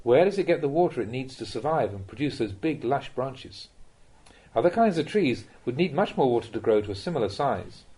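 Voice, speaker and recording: With big swings in pitch around a medium level, a man with a slightly husky, dark-toned voice reads a Dhamma talk as a monk. He is measured and instructive, addressing the listener directly.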